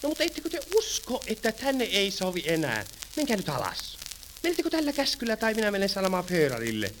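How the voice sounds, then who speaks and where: A man's voice: high-pitched, wildly swooping pitch, noisy background. A man playing a bossy old-time tram conductor. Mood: scolding. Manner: sings, then scolds passengers in quick patter. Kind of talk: 1930s comic song with spoken patter. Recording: old archive record with music.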